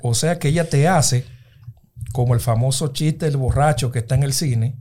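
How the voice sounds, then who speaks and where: A man's voice: mid-range voice, normal speed, dark tone. A man on a podcast, teasing the others and telling jokes. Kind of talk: casual chat.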